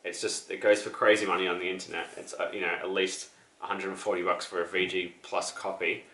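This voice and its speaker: A man's voice: deep voice, flat delivery, a little fast, sharp tone, echoey room. A man, chatting casually about his record collection with many fillers and restarts. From New Zealand. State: out of breath, still sick. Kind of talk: casual show-and-tell chat.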